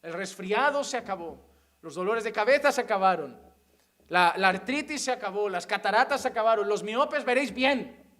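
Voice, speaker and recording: A young man preaches with fervor. His sermon swings between hushed, sorrowful passages and soaring, shouted proclamations. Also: sits high, lively intonation, normal speed.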